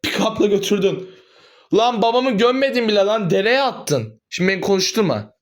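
A man voicing a hot-headed young man who shouts back defiantly in an animated drama. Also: medium pitch, a little fast, lightly acted. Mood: shouting. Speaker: voice actor in amateur animated drama.

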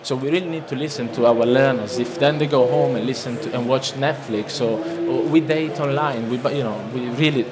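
A brisk, mid-range male voice with an Italian accent barely pauses as it delivers a conversational seminar talk, full of fillers and restarts, from a lectern. The speaker, a conference presenter from Italy in his thirties, uses a lectern microphone in a large conference hall, where a loud, listening crowd fills the background.

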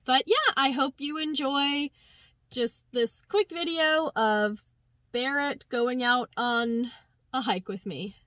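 A woman's voice: high-pitched, takes it slowly, fairly bright tone, no echo. A young woman vlogging casually to the camera from inside a parked car, chatty and upbeat. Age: young adult. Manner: chatty, upbeat, talks to her dog. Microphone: phone or camera at arm's length.

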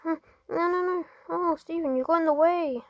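A woman's voice: very high voice, moderate pace, no room sound, dull audio. A woman gamer giving playful, jokey gameplay commentary to her viewers. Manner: chatty, jokey, talks to viewers.

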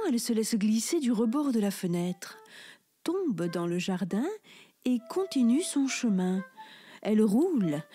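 Slow, expressive woman reading a children's tale. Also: fairly high pitch. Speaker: storyteller.

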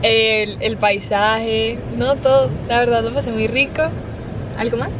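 A woman's voice: fairly high pitch, little pitch movement, a little slow, lo-fi sound, noisy background. A young woman, talking casually to a phone camera in a vlog, chatty and bubbly. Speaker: vlogger. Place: inside a car and a restaurant. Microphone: phone camera at arm's length.

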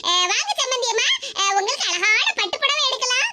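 A woman's voice: very high-pitched, expressive, fairly quick, sharp tone, exaggerated voice. A woman with a Tirunelveli Tamil accent voicing a cheeky young daughter-in-law in a cartoon, who teases in a mocking, sing-song way.

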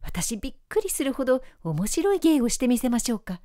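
A woman voicing an excitable, pushy male dog in a storybook reading. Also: sits high, brisk, voice pushed up. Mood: pleading. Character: boisterous loyal male dog, rough and eager.

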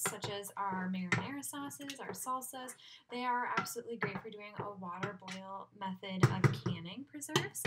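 A young woman giving a casual, upbeat cooking demonstration in a small home kitchen, moving around as she talks. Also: on the high side. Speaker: cooking instructor. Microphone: laptop webcam at a distance. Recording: loud cooking noise and clicks.

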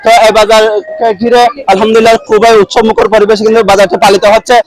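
A man with a Chattogram Bangladeshi accent reporting on location as an eager, halting presenter who often repeats himself. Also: sits high, level tone, over music. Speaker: reporter for a local online channel. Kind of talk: on-location market report with interviews. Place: outdoor cattle market.

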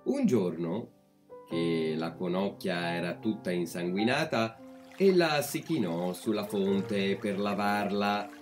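Slow, calm male fairy-tale narrator. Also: low voice, soft background music. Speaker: storyteller. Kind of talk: storybook reading.

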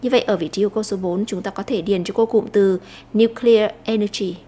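A Vietnamese woman teacher explaining an English lesson, slowing down to read English phrases aloud. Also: mid-range voice, steady tone, warm tone, breathy edge.

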